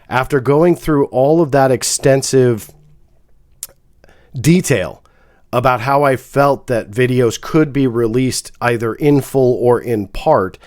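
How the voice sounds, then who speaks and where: A man's voice: mid-range voice, darkish tone, no echo, studio quality. A man hosting his own channel, talking frankly with a nasal voice from a cold and lots of "uh" fillers. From California. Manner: frank, apologetic, frequent fillers. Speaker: host. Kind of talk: casual video commentary.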